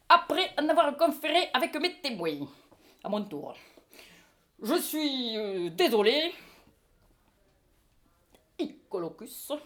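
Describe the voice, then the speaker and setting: A woman's voice: high-pitched, fairly bright tone, exaggerated voice. Woman reading a pompous French husband. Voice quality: pompous, mock-solemn. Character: indignant middle-aged husband judging his maid. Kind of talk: live stage reading.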